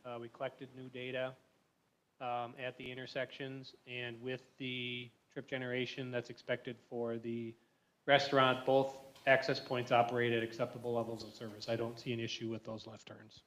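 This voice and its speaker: A man speaks over a remote call line that clips and breaks up, and the echoey audio sounds like he is in a bare room. He answers questions as a traffic consultant in a plain, matter-of-fact way, at an ordinary pitch. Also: completely flat delivery, normal speed, a bit bright. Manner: matter-of-fact, technical explanation. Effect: clipped, breaking-up remote call line. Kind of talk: remote testimony at a public meeting.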